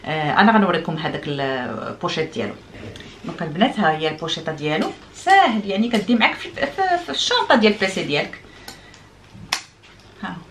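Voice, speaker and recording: A middle-aged woman with a Moroccan accent talks to her viewers in a casual, chatty vlog. She rattles along at a very quick pace in a somewhat low voice, explaining and demonstrating as she goes, dropping French words in. A faint hum of noise sits behind her. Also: sing-song, fairly bright tone. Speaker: vlogger.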